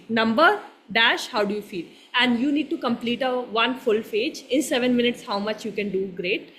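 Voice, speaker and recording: A woman's voice: on the high side, a bit bright. A woman with an Indian English accent guiding a live workshop exercise. She encourages the group, laughs often, keeps checking that they follow along, and mixes Hindi phrases into her English. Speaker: workshop coach.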